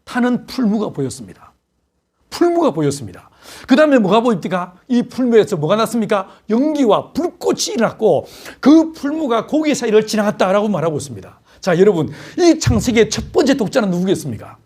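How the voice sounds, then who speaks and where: A male pastor preaching a sermon in a church worship hall, animated and full of rhetorical questions. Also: sits high, fairly quick, hardly any pauses, breathy edge.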